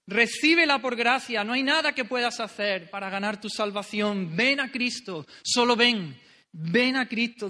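A man's voice: high-pitched, sharp tone. A man preaching an earnest, pleading sermon, repeating phrases for emphasis.

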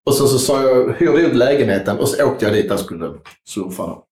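A man's voice: medium pitch, lively intonation, a little mellow, reverberant. A man telling a long story in casual interview chat, rambling and swearing freely. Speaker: guest.

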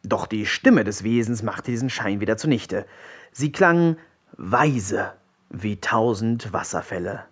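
A man reads a children's fantasy story aloud with a lowish voice. His reading is measured and even, carrying the story along calmly. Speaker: audiobook narrator. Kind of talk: storybook narration.

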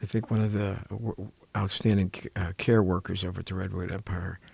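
This older man, a clinician and programme host, talks earnestly and reflectively about caregiving in a conversational way, groping for words and leaning on important ones. His low, slightly rough voice is level, darkish and creaky, moving a little fast with no echo.

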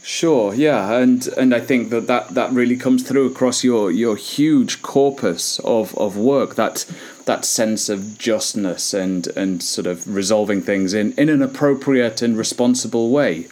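A man's voice: medium pitch, unhurried, a little mellow. A man interviewing a guest, polite and hesitant, often repeating words as he frames questions.

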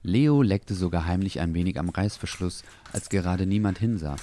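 A man narrating a children's story in a calm, even, gentle manner. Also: low-pitched, moderate pace.

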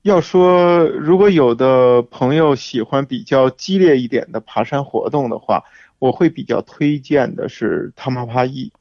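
A man as the guest on a radio talk show, explaining things in a measured way with frequent fillers. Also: mid-range voice, a little mellow, no echo, dull audio. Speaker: guest hiking expert. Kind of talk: casual radio interview.

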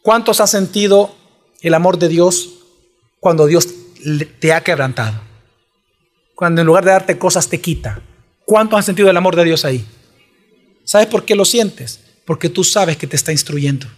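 A man's voice: sits high, lively intonation, normal speed, long pauses, soft background music. A man preaching a sermon, pressing his listeners with emphatic rhetorical questions.

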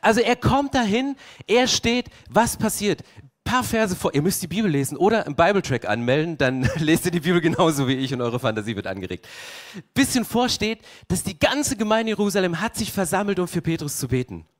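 Delivering his sermon fairly quickly, a young male pastor whose voice sits high for a man brings the story to life. He acts out the scene and poses pointed questions to his listeners.

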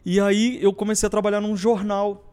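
Animated, high-voiced man telling stories. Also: normal speed, clean tone. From southern Brazil. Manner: animated, acts out quoted dialogue. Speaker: guest photographer. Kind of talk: casual interview storytelling.

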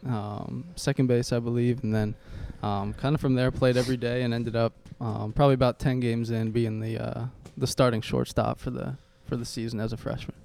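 A man's voice: medium pitch, flat delivery, brisk, creaky, hardly any pauses, darkish tone. A young adult man, a guest on a casual podcast, talking modestly and hesitantly with many ums. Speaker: podcast guest, baseball player.

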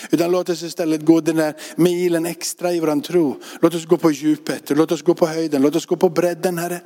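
A man's voice: on the high side, flat delivery, mellow. A male pastor leading a closing prayer and telling a story in a church service, speaking with a fervent, repetitive cadence. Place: church sanctuary. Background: music playing under the voice.

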